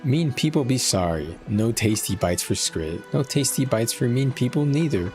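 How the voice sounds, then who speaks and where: A man's voice: mid-range voice, expressive, normal speed, darkish tone, faint music behind, pitched above the performer's own voice, close to an everyday voice. Man voicing a simple, put-upon rat creature. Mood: resentful. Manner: clipped broken grammar, refers to himself by name. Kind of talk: reading a game journal in character.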